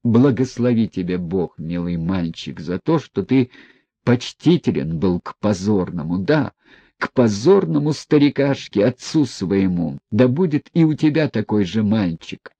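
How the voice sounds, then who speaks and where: A man voicing a broken, rambling old retired general in an audiobook, pleading and lamenting in slow, halting phrases. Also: fairly low pitch, lively intonation, mellow, slightly rough, dry recording, lo-fi sound, heavily acted. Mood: tearful.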